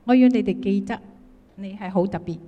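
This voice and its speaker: A woman's voice: mid-range voice, fairly quick, highs cut off. A woman with a Cantonese accent, interpreting a sermon and reading scripture aloud. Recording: echoey hall with long reverb.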